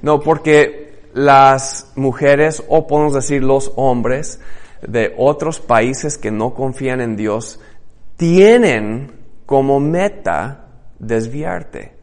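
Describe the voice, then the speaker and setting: Un pastor con acento mexicano que predica un sermón, lee las Escrituras en voz alta y representa diálogos con animación. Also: male voice, medium pitch, slow pace. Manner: animated, acts out biblical dialogues, reads scripture aloud. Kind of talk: sermon.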